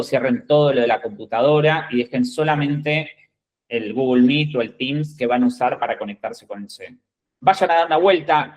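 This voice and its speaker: Un hombre con acento argentino, reclutador de ejecutivos, da una charla instructiva a candidatos con tono directo y enfático, y comprueba a menudo con "¿bien?" que le siguen. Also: male voice, mid-range voice, rough recording. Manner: direct, emphatic, checks in with "¿bien?" and "¿ok?". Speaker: executive recruiter. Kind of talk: instructive talk to job candidates.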